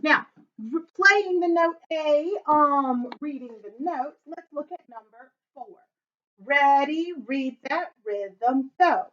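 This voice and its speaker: A woman's voice: high voice, animated, slow, fairly bright tone, dull audio. A woman teaching children a recorder lesson, encouraging them and chanting rhythms aloud. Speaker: music teacher.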